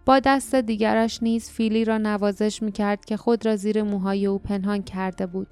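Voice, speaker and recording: A woman narrating an audiobook in a calm, measured storytelling manner. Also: mid-range voice, clear, resonant tone, dry recording, faint music behind. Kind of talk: scripted narration.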